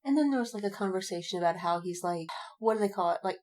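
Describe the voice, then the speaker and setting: Speaking fast at a medium pitch, with slight background noise, this woman co-hosts a podcast full of casual fandom talk. Her rambling retellings are loaded with "like" and curse words, and she performs other people's reactions in quoted bursts.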